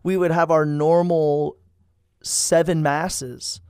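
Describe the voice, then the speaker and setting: A man in his thirties, a priest, telling stories in a lively, animated chat and acting out the people he quotes. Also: a little high, takes it slowly, clean tone, dry recording, clean studio sound. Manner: animated storyteller, acts out quoted voices. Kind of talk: storytelling in casual chat.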